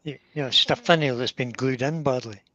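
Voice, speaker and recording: A man's voice: medium pitch, fast, muffled recording, background noise. A man on a live-stream call who reads out viewer comments and teases the others with dry asides. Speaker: co-host reading viewer comments. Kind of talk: casual live-stream chat.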